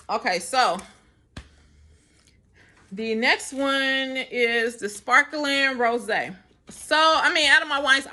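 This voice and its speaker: A young woman talks casually to her camera in a loose, rambling way. Her voice is bright and forward, and she breaks into quick laughs between thoughts. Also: medium pitch. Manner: chatty, laughs often, rambling. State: slightly winded. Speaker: vlogger. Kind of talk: casual chat.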